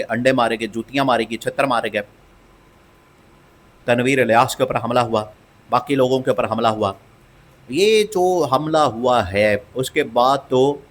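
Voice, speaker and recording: A man giving opinionated political commentary, emphatic and scornful, and he repeats phrases for stress. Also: mid-range voice.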